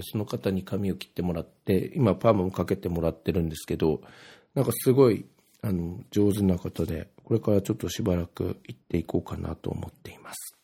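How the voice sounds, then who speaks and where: A man's voice: fairly low pitch, warm tone, husky. A man from Ibaraki talking casually on his own, reading his posts aloud and rambling with plenty of filler words. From Ibaraki, Japan.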